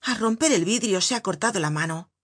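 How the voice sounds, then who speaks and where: A woman voicing a weary, dazed poor mother with a slow, dull way of speaking. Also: mid-range voice, lively intonation, slightly rough. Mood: scolding.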